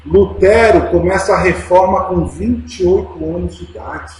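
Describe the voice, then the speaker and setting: A man with a Brazilian Portuguese accent preaching a Sunday sermon, emphatic and swinging from quiet to loud, calling his listeners brothers and dear ones. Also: high-pitched, moderate pace. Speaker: pastor. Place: church sanctuary. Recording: very echoey church with noise.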